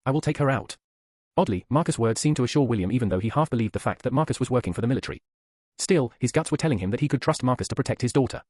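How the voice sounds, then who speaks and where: A man narrating an audiobook in an even, rapid reading manner. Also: mid-range voice, slightly rough, no room sound, clean studio sound. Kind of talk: scripted narration.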